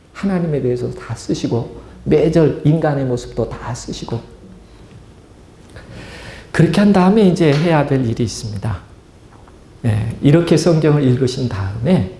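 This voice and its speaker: A man's voice: mid-range voice, vocal fry, warm tone, roomy sound, a little hiss or hum. A male pastor preaching a sermon, asking the congregation questions and acting out small scenes to make his point. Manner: asks the congregation questions and acts out little scenes.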